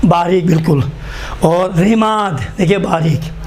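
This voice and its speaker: A man teaching Quran reading in a live class, slowly repeating letters for students to write down. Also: high-pitched, a little hiss or hum.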